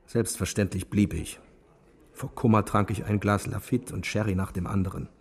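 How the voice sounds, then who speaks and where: A man's voice: fairly low pitch, steady tone, normal speed, breathy edge. A man narrating a radio play with a brooding, bitter manner.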